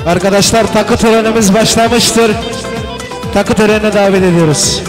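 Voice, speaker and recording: A man's voice: sits high, fairly even intonation, moderate pace. A man singing a traditional wedding folk song. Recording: loud folk music over voice. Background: loud Middle Eastern folk music.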